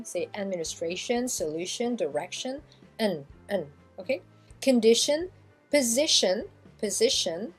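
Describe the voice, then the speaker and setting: A French-speaking woman teaching English pronunciation, repeating each model word slowly several times. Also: medium pitch, dark tone, slightly rough. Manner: slow, drawn-out repetition of model words. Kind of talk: pronunciation lesson.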